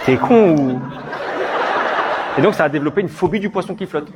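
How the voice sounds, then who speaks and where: Lively, high-pitched southern French male comedian. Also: brisk. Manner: teasing, mocking, echoes audience answers back. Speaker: stand-up comedian. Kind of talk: improvised stand-up crowd work. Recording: live comedy room, loud crowd laughter and noise. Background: audience laughing and loud room noise.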